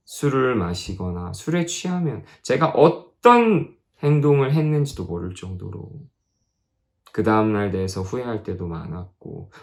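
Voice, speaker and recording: A man's voice: medium pitch, darkish tone. A middle-aged man preaching to teenagers at a youth camp, telling a personal story and acting out the quoted dialogue with rising emphasis. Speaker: missionary speaker at youth camp.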